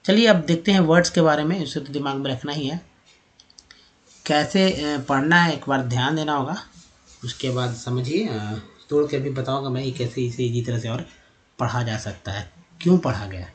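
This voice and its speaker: With a mid-range voice and a slight hiss or hum in the audio, an Indian English teacher walks through slides patiently. He says sounds slowly again and again, using lots of fillers.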